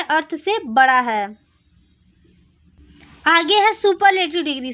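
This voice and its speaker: A woman with a very high voice teaches an English grammar lesson in Hindi. She keeps asking questions and answering them herself, and she slows right down for each example sentence. The recording is dull and lo-fi. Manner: reads English examples slowly.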